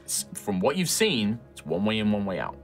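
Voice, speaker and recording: A man's voice: fairly low pitch, big pitch swings, moderate pace, over music. A man improvising narration as game master of a tabletop game, addressing the players conversationally.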